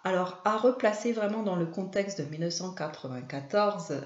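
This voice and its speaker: Woman chatting about movies for her channel, slow and hesitant, lots of ums, lowish voice, roomy slightly muffled sound. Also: animated. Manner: hesitant, with frequent fillers and pauses. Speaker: video host and trainer. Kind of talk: casual film commentary to camera. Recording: echoey room, slightly dull sound.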